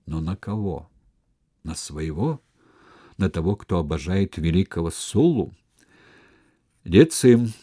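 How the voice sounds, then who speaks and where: A man narrating a historical novel as an audiobook, in a measured, expressive reading. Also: sits low, breathy edge.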